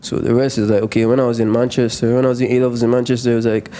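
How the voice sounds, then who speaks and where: A man's voice: mid-range voice, level tone, racing, dark tone, a little hiss or hum. A man in his twenties from Nigeria, a guest musician chatting casually on a podcast, rambling with lots of fillers and easy laughs. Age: 20s.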